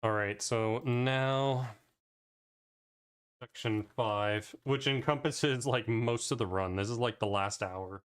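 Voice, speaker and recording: A man's voice: medium pitch, slow pace, smooth. A man casually reviewing his own speedrun, talking loosely with plenty of "like" fillers. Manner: rambling, loose, with frequent "like" fillers. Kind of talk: casual commentary over gameplay.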